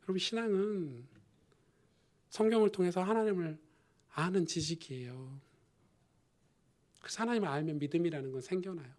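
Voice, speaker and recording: A male pastor preaching a sermon in a chatty storytelling manner that swings from loud emphasis to hushed near-whispers. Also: high-pitched, normal speed, pauses often.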